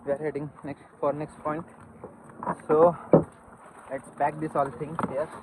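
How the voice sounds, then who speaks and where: Excitable young man vlogging outdoors. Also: a little high, drawn-out words, very noisy. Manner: excited, mixes Marathi and English, teases family. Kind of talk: travel vlog, chatty narration to camera. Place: outdoor hill viewpoint.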